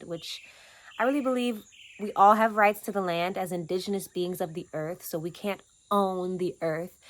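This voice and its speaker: A woman in her twenties from Atlanta talks in a casual, earnest, reflective vlog about the off-grid cabin where she lives, speaking in short, unhurried phrases. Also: on the low side. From Atlanta, Georgia, USA. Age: 20s. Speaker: vlogger and land steward. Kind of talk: casual personal vlog talk.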